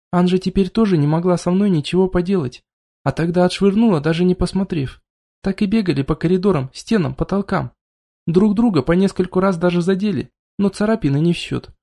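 A man narrating an audiobook in the first person, with a fairly high voice. His tone is dark and mellow, and his storytelling stays even and measured. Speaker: audiobook reader.

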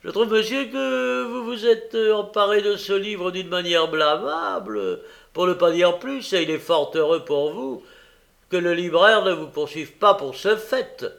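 A man reading aloud and voicing a gruff, grumbling male police magistrate who scolds harshly. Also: sits high, unhurried, a bit bright, voice pushed up, heavily acted. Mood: scolding.

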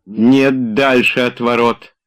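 A man's voice: low voice, lively intonation, moderate pace, voice pushed up. A man voicing an impatient nobleman who nervously pushes and orders his servants about. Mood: urging. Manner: urgent, commanding, nervous. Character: agitated impatient male nobleman.

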